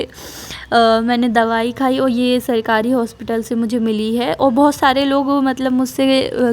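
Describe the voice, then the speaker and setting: A young pregnant woman vlogging casually at home, rambling with many fillers while lying down and sounding tired. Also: fairly high pitch. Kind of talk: casual vlog chat.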